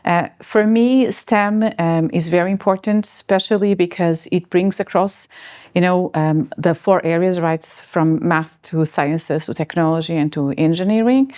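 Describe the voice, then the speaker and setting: A woman's voice: fairly low pitch, unhurried, a little mellow. A woman from Portugal in her forties, answering interview questions in a hesitant way, with many fillers and restarts.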